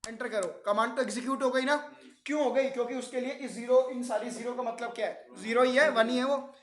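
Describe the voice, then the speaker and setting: A man's voice: extremely high pitch, fairly even intonation, quick pace, a bit bright, echoey room. A man teaching a networking class, explaining step by step and often quizzing his students with questions. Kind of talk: classroom lecture.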